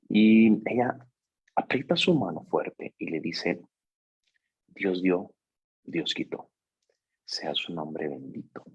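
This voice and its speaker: A man telling a personal story in a talk, hesitant, with fillers and repeated words, going soft at the sad parts. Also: low voice, husky, no echo. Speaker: life coach. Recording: dull, dry, lo-fi recording.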